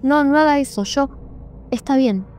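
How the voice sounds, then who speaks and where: A woman's voice: low voice, normal speed, vocal fry, warm tone, soft background music. A woman voicing a panicked rich man who stammers and pleads for his life in a nasal whimper. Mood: terrified.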